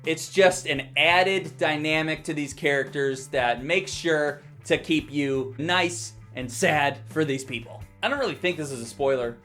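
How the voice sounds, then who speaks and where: Wry man reviewing a movie, somewhat high voice. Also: unhurried, few pauses, bright, forceful tone, faint music behind. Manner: wry, joking, casually profane. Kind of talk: casual movie review vlog.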